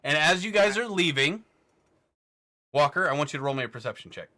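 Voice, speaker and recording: Bright-voiced man running a game. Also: on the high side, lively intonation, fairly quick. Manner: casual, swearing, laughing narration. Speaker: game master. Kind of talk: narrating a tabletop game.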